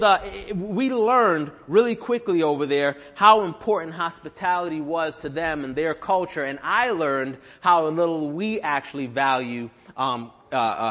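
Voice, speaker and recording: Young man, pastor, sermon, conversational, fillers and restarts, slightly high voice, dull lo-fi recording. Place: church sanctuary. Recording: reverberant hall, dull lo-fi sound.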